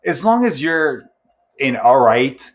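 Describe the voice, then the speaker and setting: Podcast host guy, medium pitch, chatting casually, kinda rambly and jokey. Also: sing-song, slow. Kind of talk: casual chat.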